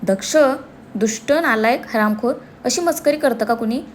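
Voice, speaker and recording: A woman voicing an emotional, quick-tempered young woman. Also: on the high side, a little hiss or hum, close to an everyday voice. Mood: feisty. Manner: emotional, feisty.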